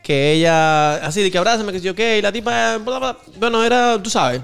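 High-voiced Dominican man, joking banter. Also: moderate pace, creaky, a bit bright, clean tone. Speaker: podcast co-host. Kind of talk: casual storytelling chat.

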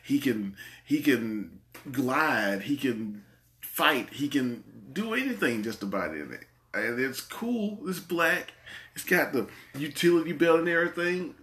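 A man's voice: medium pitch, very animated, unhurried, a bit bright. A man hosting a casual movie podcast, rambling and repeating his words as he talks. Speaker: podcast host. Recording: echoey room.

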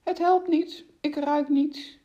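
A woman voicing a flustered male huntsman on horseback, who exclaims loudly and dodges questions. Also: fairly even intonation, slow pace, dull audio. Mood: protesting. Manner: high-pitched, loud, exclaiming.

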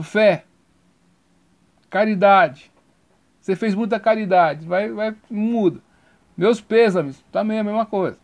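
A man teaching a grammar lesson, spelling out letters and repeating each rule. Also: high voice.

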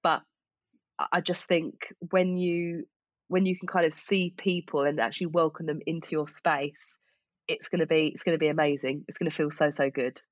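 Low-voiced Essex woman chatting casually. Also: fairly even intonation, moderate pace, dry recording, lo-fi sound. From Essex, England. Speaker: podcast guest, small business owner. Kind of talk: casual interview chat.

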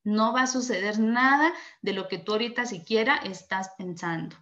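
A woman's voice: mid-range voice, moderate pace, bright, forceful tone. A woman giving an earnest motivational talk, speaking straight to the listener. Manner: earnest, addresses listener directly. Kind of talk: motivational talk with acted stories.

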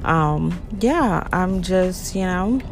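A woman's voice: lowish voice, lively intonation, drawn-out words, noisy background. A woman in her late twenties from Baton Rouge, hosting her own podcast in a loose, rambling chat full of "you know" and "um". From Louisiana, Baton Rouge. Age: 20s. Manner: chatty, rambling, many fillers like "you know" and "um". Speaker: podcast host. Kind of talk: casual solo podcast chat.

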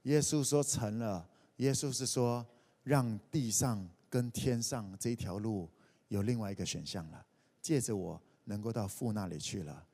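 A man preaching a sermon as a pastor, animated, acting out the voices in his stories and often dropping "OK". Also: lowish voice, normal speed. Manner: animated, acts out quoted voices, frequent "OK". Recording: long reverb of a hall.

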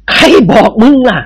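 A storyteller voicing a pompous, short-tempered old Thai nobleman who blusters indignantly.

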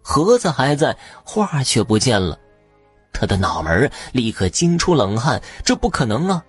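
A man narrating an audio story in an expressive, dramatic way. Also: medium pitch, moderate pace, breathy edge, soft background music.

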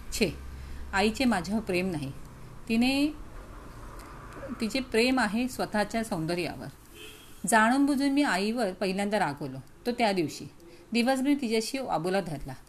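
Female audiobook narrator, measured and reflective. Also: on the high side, a little hiss or hum. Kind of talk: audiobook reading of a novel.

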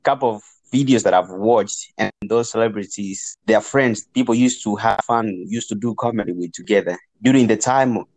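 A man's voice: on the low side, moderate pace, hardly any pauses, darkish tone, no room sound, poor audio. A man in casual, reflective conversation, explaining his points thoughtfully to a friend.

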